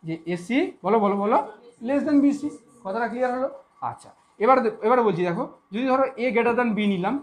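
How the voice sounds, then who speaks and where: A woman's voice: fairly high pitch, darkish tone. A woman teaching a math lesson, who repeats her points and keeps asking if she was understood. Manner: repetitive, keeps checking understanding.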